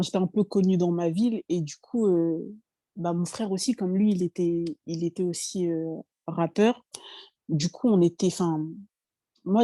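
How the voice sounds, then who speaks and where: Soft-toned young woman telling her story. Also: fairly low pitch, no room sound. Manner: hesitant, emotional, apologetic. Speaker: convert giving testimony. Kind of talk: personal testimony.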